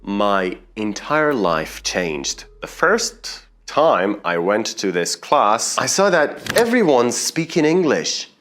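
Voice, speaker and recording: A young man with a Persian accent, an English teacher telling the story of how he learned the language, speaking slowly and with plenty of rises in his voice. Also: on the low side. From Iran. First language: Farsi. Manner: animated storytelling, slow and deliberate with sudden rises. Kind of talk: personal story lesson to camera. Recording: faint music bed behind.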